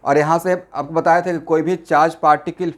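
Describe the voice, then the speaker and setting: A man's voice: a little high, level tone, normal speed. Man lecturing a chemistry class. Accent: Assamese-influenced Hindi. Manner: mixes Hindi with English terms, asks class questions constantly. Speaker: chemistry teacher.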